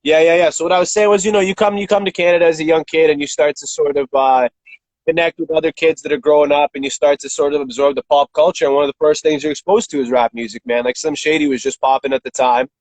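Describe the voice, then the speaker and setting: A man's voice: on the high side, fairly even intonation, quick pace, dry recording, low-quality recording. Laid-back man with a dry sound. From Russia. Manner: laid-back, swears freely, lots of "like" and "man". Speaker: rapper, interview guest. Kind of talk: casual interview chat.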